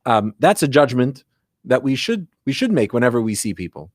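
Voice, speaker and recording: Male rabbi, conversational teacher, reflective and questioning, medium pitch, very little room sound. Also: big pitch swings, moderate pace, no room sound, clean studio sound. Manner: reflective, often posing questions to himself and checking with "right?". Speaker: rabbi giving religious guidance. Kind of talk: explanatory religious teaching in conversation.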